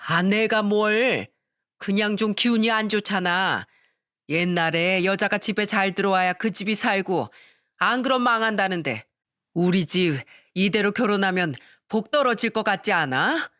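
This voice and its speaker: A woman's voice: medium pitch, normal speed, fairly bright tone, no room sound, clean studio sound, close to an everyday voice. A woman doing a fussy rude mother-in-law. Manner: fussy, complaining. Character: rude, superstitious middle-aged woman.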